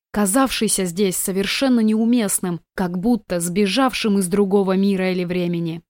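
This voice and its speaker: A woman's voice: mid-range voice, a little mellow, no echo. Woman narrating a novel, dry close sound. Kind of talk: audiobook narration.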